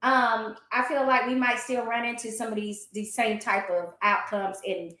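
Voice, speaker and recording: A woman in an animated, casual sports discussion, speaking emphatically and colloquially with strong opinions. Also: on the high side, normal speed. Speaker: boxing talk show commentator. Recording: roomy, echoey sound.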